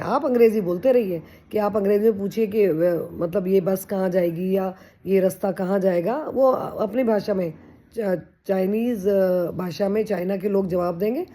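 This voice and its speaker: Mellow-voiced woman giving chatty advice. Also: mid-range voice. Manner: earnest, chatty, mixes English phrases into speech. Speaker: vlogger. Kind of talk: casual motivational talk to camera.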